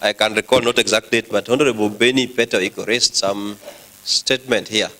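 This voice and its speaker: A man with a Kenyan accent presiding over an assembly, formal and directive, with halting delivery. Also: lowish voice, steady tone, sharp tone. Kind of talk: formal parliamentary rulings. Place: assembly chamber.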